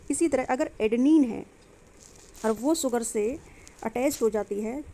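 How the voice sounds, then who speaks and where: A woman's voice: sits high, mellow. A young adult woman giving an exam-prep biology lecture, explaining step by step, asking and answering her own questions, and mixing in English terms and sentences. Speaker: biology teacher.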